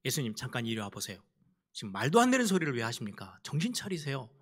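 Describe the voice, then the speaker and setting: A man's voice: medium pitch, wildly swooping pitch, fast, a bit bright, voice pushed down. A male pastor voicing a protesting disciple who pleads with and scolds his teacher. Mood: urgent.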